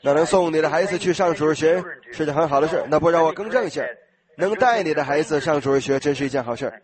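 Slightly hoarse male preacher, conversational sermon. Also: on the high side, fast talker, crowd noise. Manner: conversational, asking the congregation questions. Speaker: preacher addressing a congregation. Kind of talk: informal sermon.

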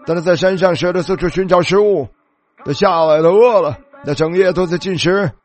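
A man preaching a fervent sermon, retelling scripture scenes and rising to shouts. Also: sits high, brisk.

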